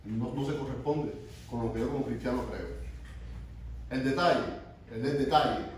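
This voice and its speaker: A Cuban youth pastor teaches a sermon, asking his listeners questions and frequently restarting his phrases. His medium-pitched voice moves at a moderate pace, recorded from a distant mic in an echoey room with a little hiss or hum.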